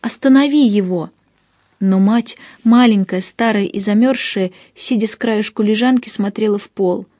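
A woman narrates a storybook in the first person with expressive pacing. Her voice is mellow and warm-toned, recorded dry and close to the mic. Her pitch sits in a middle range. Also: moderate pace, hardly any pauses, no echo. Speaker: audiobook narrator. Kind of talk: scripted audiobook narration.

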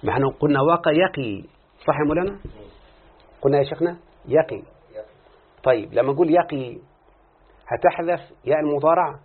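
Egyptian sheikh teaching, husky voice, keeps quizzing students, sounds like an old phone line. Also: male voice, fairly high pitch. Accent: Egyptian Arabic. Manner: keeps asking students questions and answers them; mixes classical Arabic with colloquial speech. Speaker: sheikh teaching Arabic morphology. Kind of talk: recorded lesson. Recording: tinny phone-like lo-fi audio.

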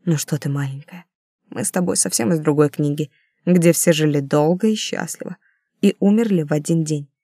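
A woman reading a calm protective man. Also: low-pitched, brisk, no echo, studio quality. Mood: steady, tender.

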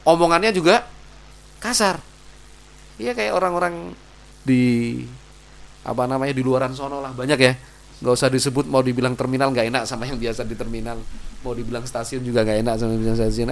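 A man giving a casual religious lecture, chatting with the audience through rhetorical questions and acting out quoted people in sudden loud, high outbursts. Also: creaky, slight background noise. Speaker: Islamic preacher.

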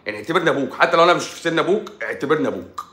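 An Egyptian man, a doctor hosting his own live stream, talking in an animated, sarcastic monologue and repeating points for emphasis. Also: a little high, racing, roomy sound. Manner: sarcastic, mocks critics in a playful tone; repeats himself for emphasis with frequent stumbles.

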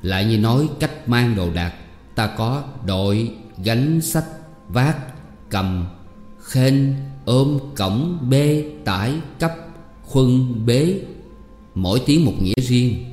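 An earnest middle-aged father , read by a man, lays out his point one measured sentence after another. The tone is mellow and rounded. It rings in a reverberant hall with faint music underneath. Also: mid-range voice, animated. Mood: lecturing.

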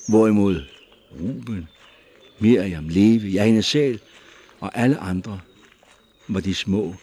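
Deep-voiced male audiobook narrator. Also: husky. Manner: measured, expressive storytelling.

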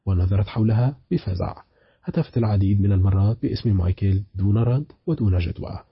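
Husky low-voiced man narrating a horror audiobook at speed, dull dry recording. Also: quick pace, no echo. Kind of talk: scripted narration of a horror novel.

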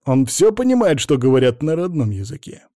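A man reading an audiobook, voicing a middle-aged woman who is sharp, ironic and cutting with her husband. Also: on the high side, very animated, fairly quick, dry recording, studio quality. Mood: stern. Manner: cutting, mocking.

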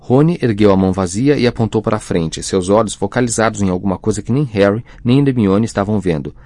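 Man, audiobook narrator, low voice, dry studio sound, measured reading. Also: dark tone, no room sound. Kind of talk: scripted narration.

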